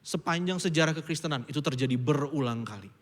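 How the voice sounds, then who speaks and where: A man delivers a chatty, animated sermon in a church. His voice sits a little high for a man and he keeps it conversational. It rings out with long reverb in a large hall. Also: quick pace. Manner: conversational, acts out quoted dialogue with high squeaky voices. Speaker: pastor. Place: church auditorium.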